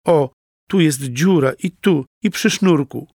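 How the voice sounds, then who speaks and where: A man's voice: on the high side, slow, darkish tone, dry recording, studio quality. A man voicing an upset young boy at a summer camp, speaking in a whiny, tearful way.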